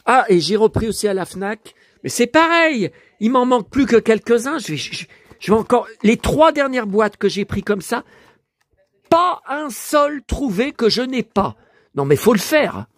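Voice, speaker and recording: A man with a hoarse voice chatting casually to his viewers about his purchases, grumbling and addressing them directly. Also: very high-pitched, big pitch swings, normal speed, no echo, studio quality. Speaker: collector vlogger showing his purchases.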